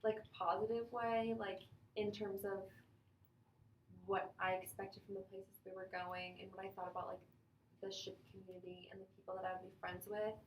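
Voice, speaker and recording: A young woman from Chicago chats casually as a student guest on a podcast, sprinkling her talk with "like." Her voice sits in the middle of the range. The room echoes, with a faint hiss behind. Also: medium pitch. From Chicago, USA. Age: young adult. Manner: chatty, many "like"s. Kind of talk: casual chat.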